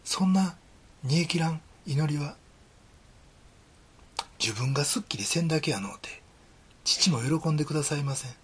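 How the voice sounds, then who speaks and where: A man's voice: on the high side, expressive, normal speed, pauses often, husky. A male pastor with a Kansai accent, preaching a sermon in an earnest, conversational way and often dropping into a whisper. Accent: Kansai Japanese.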